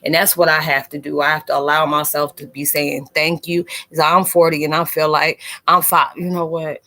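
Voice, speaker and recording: A woman in her forties runs a live stream, chatting casually and laughing as she answers viewers' comments and calls herself a psychic. Her voice sits low and sounds sharp, with a flat delivery at normal speed.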